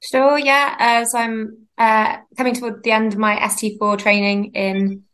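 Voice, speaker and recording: A woman's voice: a little high, level tone, moderate pace, fairly bright tone. A woman from Bristol talking casually as a guest on a podcast. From Bristol, England. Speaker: surgical trainee, podcast guest. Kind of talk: casual chat.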